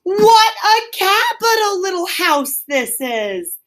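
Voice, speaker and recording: A woman voicing a cheerful, brisk, capable rat in a children's storybook, upbeat and encouraging. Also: extremely high pitch, big pitch swings, a bit bright, pitched above the performer's own voice, full character voice. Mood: cheery excitement. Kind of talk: children's storybook read aloud.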